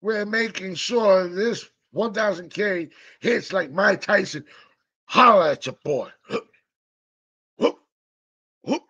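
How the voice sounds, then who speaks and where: A man's voice: sits high, slow pace, long pauses, bright, forceful tone, husky, lo-fi sound. A man hosting his aquarium vlog from the fish room in his living room, talking in a hyped, playful way and repeating his phrases. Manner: hyped, playful, repeats phrases, does mock announcer bits. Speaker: aquarium channel host. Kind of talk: casual hobby vlog.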